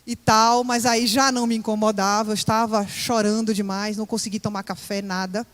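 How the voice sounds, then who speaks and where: A woman's voice: medium pitch, level tone, fairly quick. Emotional woman giving testimony. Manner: emotional, vivid storytelling. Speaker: church member giving testimony. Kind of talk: personal testimony to a congregation. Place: church hall. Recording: echoey church hall with long reverb.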